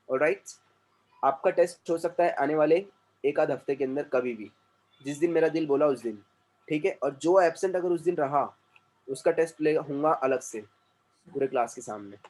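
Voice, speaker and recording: Man, English teacher, stern and repetitive, slightly higher voice, lecturing an online class. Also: darkish tone.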